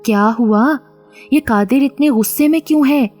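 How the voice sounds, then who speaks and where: A woman's voice: high-pitched, moderate pace, darkish tone, faint music behind, pitched above the performer's own voice, close to an everyday voice. Woman voicing a questioning concerned aunt. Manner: questioning, admonishing. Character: concerned middle-aged aunt.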